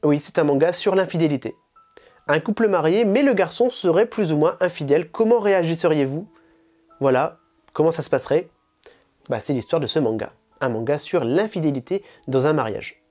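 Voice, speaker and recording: A woman's voice: deep voice, a little fast, faint music behind. A woman hosting a manga channel, chatting casually and enthusiastically through an unboxing. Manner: animated, chatty and enthusiastic, with laughs.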